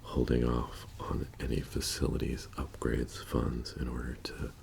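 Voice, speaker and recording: A man in a whispered role-play as a methodical bank heist planner, speaking in a soft, whispery, halting and matter-of-fact murmur. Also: extremely low pitch, completely flat delivery, vocal fry, exaggerated voice. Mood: calm, methodical. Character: methodical male bank heist crew planner briefing his team.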